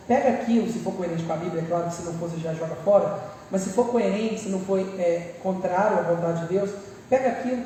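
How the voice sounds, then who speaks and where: A woman with a Brazilian accent preaching a lively sermon and acting out people's prayers with humorous asides. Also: mid-range voice, a little hiss or hum. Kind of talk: church sermon. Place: large church hall. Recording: echoey church hall, mic far off.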